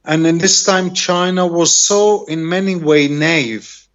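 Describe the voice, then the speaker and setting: A man's voice: fairly high pitch, a bit bright. A middle-aged man from Israel with an Israeli accent, a native Hebrew speaker, talking casually as an interview guest and often searching for words over a video call. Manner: halting, rambling, searching for words. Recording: dull, lo-fi video call audio.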